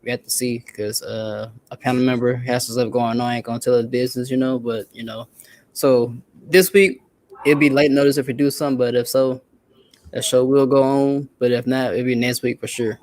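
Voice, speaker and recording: A man's voice: mid-range voice, little pitch movement, brisk, darkish tone. A man joining a livestream as a guest, chatting in a laid-back, slangy way and laughing often. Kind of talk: casual chat.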